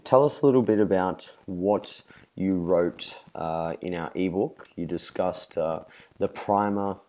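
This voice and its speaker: A man's voice: low voice, unhurried, dark tone. Upbeat man hosting a podcast. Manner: upbeat, teasing, chatty. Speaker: podcast host. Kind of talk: casual podcast interview.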